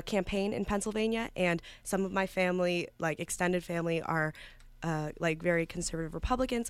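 A woman's voice: lowish voice, clear, resonant tone, no echo. A young woman from New York, a student guest talking earnestly in a casual interview, with many fillers and restarts. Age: young adult.

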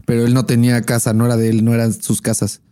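A man's voice: medium pitch, fast, clear, resonant tone. Mexican man telling a crude story. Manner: swears freely, animated storytelling. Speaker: podcast co-host. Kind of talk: casual crude chat.

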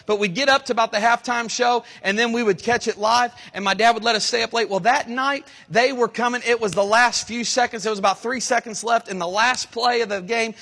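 A pastor in his thirties preaching a sermon, switching between loud shouts and quiet, low asides. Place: church sanctuary. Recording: long reverb of a church hall.

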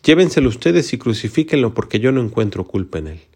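A man's voice: medium pitch, very animated, quick pace, a little mellow, breathy edge. Pilate, a man reading as a stern Roman governor.

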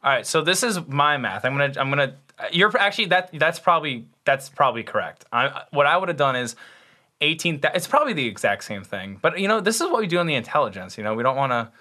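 Casual: young dude co-hosting a podcast, bright voice, keeps second-guessing himself. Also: male voice, on the high side, animated, fast. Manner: rambling, self-correcting, playful. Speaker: podcast co-host. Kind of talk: casual chat.

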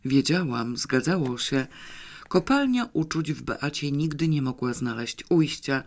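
A man narrating an audiobook in a steady storytelling manner. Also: medium pitch, a little slow.

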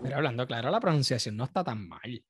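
A man's voice: medium pitch, animated, quick pace, background noise. A man with a Puerto Rican Spanish accent hosting a casual podcast, reacting loosely and profanely and laughing often. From Puerto Rico. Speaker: podcast host.

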